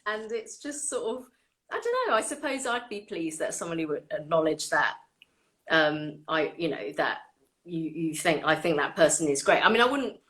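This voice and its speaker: A woman hosting a casual chat, animated and laughing often as she tells stories. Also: deep voice, normal speed. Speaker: orchestra violinist and host.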